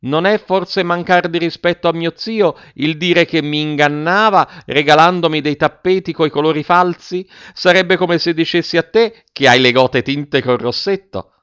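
A man's voice: fairly high pitch, normal speed, fairly bright tone, smooth, dry recording, pitched above the performer's own voice, lightly acted. A man reading aloud and voicing an indignant, pompous middle-aged woman with theatrical outrage.

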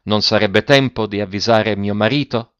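A man voicing a frail, grieving noblewoman who speaks in a hushed, timid way, in a dull lo-fi recording. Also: lowish voice, normal speed, smooth, no room sound, close to an everyday voice. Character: frail grieving marchioness, a woman.

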